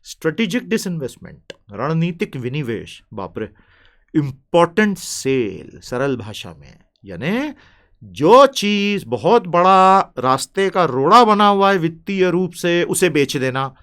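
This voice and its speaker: Lively Indian man teaching vocabulary. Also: on the high side. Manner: chatty and playful, stretching out key words slowly. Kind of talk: spoken vocabulary lesson.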